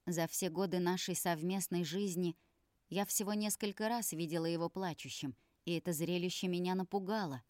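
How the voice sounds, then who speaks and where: Low-voiced woman reading a dark novel. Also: normal speed, dry recording, clean studio sound. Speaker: audiobook narrator. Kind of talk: first-person audiobook narration.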